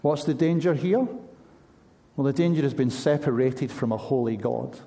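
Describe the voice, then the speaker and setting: A man's voice: medium pitch, moderate pace, gravelly, warm tone. A man preaching a sermon in an earnest, conversational way, asking his listeners pointed questions.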